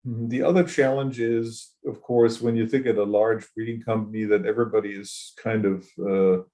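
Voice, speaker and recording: A man speaking as a panelist in an online panel discussion, measured and a little hesitant. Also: on the low side, fairly even intonation, warm tone, rough recording. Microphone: video call.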